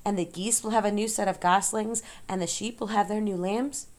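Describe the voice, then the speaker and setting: A woman voicing an innocent, eager young male pig in an audiobook, pitched higher and full of questions. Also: steady tone, a little fast, close to an everyday voice. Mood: excited. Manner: higher, wide-eyed, asks many questions. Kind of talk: audiobook character voice.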